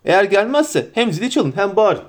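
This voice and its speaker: A man reading aloud and voicing a stout, bustling, forgetful middle-aged innkeeper who chatters in a hurried, flustered way. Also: sits high, big pitch swings, voice pushed up.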